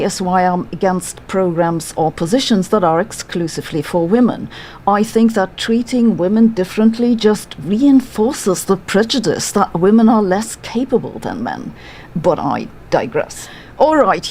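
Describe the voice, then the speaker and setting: A physicist in middle age, speaking with a German accent, narrates her own story from a script in a dry, sardonic, matter-of-fact way. Her voice is mid-range with a darkish tone, and there's slight background noise.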